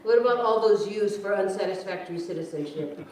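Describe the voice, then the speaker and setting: Woman as wry grown daughter, mellow and echoey. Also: mid-range voice, brisk, slight background noise, natural voice. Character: Sharon, dry, wry grown daughter and schoolteacher. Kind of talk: staged reading of a stage play. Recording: echoey hall, distant mic.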